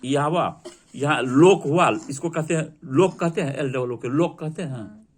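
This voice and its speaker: A man's voice: fairly high pitch, moderate pace. A man teaching English vocabulary to a class, drilling word meanings and asking students to repeat them.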